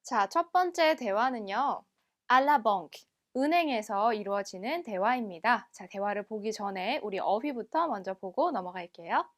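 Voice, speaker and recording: A woman teaching a French lesson, explaining step by step and slowly repeating each word twice. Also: medium pitch, expressive. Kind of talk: recorded language lesson.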